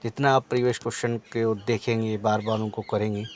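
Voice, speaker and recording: A man's voice: lowish voice, little pitch movement, fairly quick, a little hiss or hum. A man teaching exam preparation, reading out multiple-choice options and then explaining the right answer.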